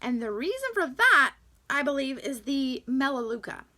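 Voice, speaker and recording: A woman's voice: sits high, sing-song, normal speed, sharp tone. A young woman chatting casually to the camera, enthusiastic and full of fillers, sharing tips on essential oils.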